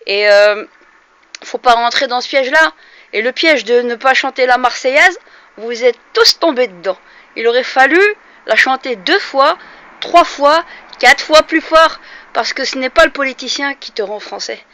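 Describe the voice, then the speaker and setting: Speaking at a moderate pace, this forties-aged French vlogger has a high, bright voice with a forceful tone. She addresses the camera in an earnest opinion piece that becomes heated and emphatic, hesitating often, captured in slightly dull lo-fi audio.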